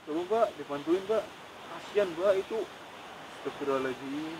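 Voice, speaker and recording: A man's voice: sits high, lively intonation, fast talker, slight background noise, poor audio. A man co-hosting a ghost-hunting vlog, talking in an uneasy way and repeating prayers. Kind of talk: live paranormal investigation vlog.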